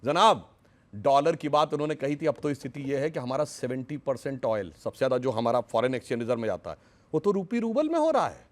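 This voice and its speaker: A man's voice: medium pitch, very animated, quick pace. A man arguing on a televised news debate, sarcastic and combative, heaping mock praise on his opponents. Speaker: political debate panelist.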